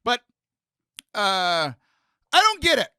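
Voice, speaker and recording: A man's voice: high voice, wildly swooping pitch, slow, bright, forceful tone, clear, resonant tone, no room sound, studio quality. A young man hosting a casual podcast chat, joking and talking with lots of fillers and restarts. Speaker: podcast host.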